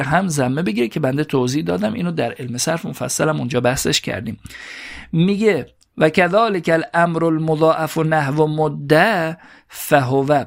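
A man teaches a grammar class. His voice has a gravelly, creaky edge at an ordinary middle pitch. He explains each point step by step and repeats key words as he goes. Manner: explains step by step, reads a phrase then glosses it. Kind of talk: classroom lecture.

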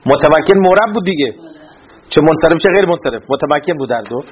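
A man's voice: a little high, animated, slightly rough, highs cut off. A man teaching Arabic grammar in a classroom lesson, reading a text aloud and explaining it, asking questions and answering them himself.

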